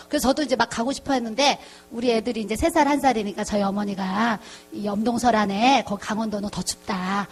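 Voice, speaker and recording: A husky voice on the high side belongs to a middle-aged woman pastor telling a testimony in a chatty sermon. She often laughs and imitates the voices of the people she talks about.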